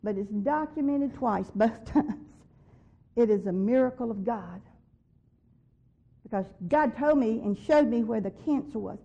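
This testimony comes from a woman with a somewhat high, gravelly, dark voice, breathy at the edges and unhurried. She speaks earnestly about her faith and grows forceful when recounting what she believes God said to her, captured on a dull lo-fi recording.

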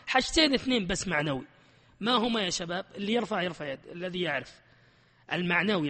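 A man teaching a grammar lesson, animated and emphatic, who keeps quizzing his class. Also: high-pitched, big-room sound.

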